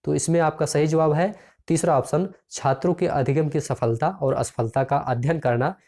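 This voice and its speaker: A man's voice: a little high, normal speed, darkish tone. A man teaching an exam-prep lesson, reading out each question and its options, then repeating the correct answer and calling his listeners friends.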